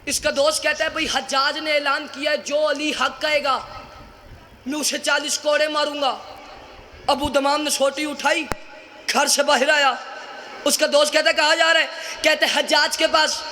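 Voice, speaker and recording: A man preaches at a mourning gathering in a strikingly high voice. His tone is sharp and bright, and he builds to shouted, stretched-out refrains. Faint street noise hums underneath. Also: flat delivery. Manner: fervent, builds to shouted refrains and drawn-out cries. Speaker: zakir, majlis preacher. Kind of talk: impassioned majlis oratory. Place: mourning gathering before a crowd.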